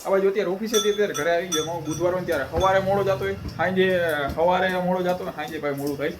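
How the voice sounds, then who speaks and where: A man's voice: high-pitched, fairly even intonation, very fast. A man, chatting to camera in a casual family vlog, teasing his family. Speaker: vlogger.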